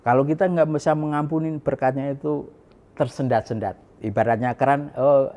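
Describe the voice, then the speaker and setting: A middle-aged man telling a personal story in a casual, chatty way, repeating himself and laughing softly now and then. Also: medium pitch, fairly even intonation, moderate pace. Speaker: guest sharing his testimony.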